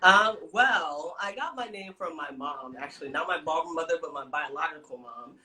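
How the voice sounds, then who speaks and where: A woman's voice: sits low, moderate pace, reverberant, crowd noise. An American woman from New Jersey chatting casually as a guest, with a lisping, whistling s. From New Jersey, United States. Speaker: guest, dancer and choreographer. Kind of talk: casual live chat.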